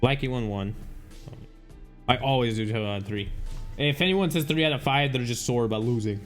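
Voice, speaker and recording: A man's voice: medium pitch, a little fast, soft background music. A man giving casual, joking let's-play commentary, swearing and rambling as he plays.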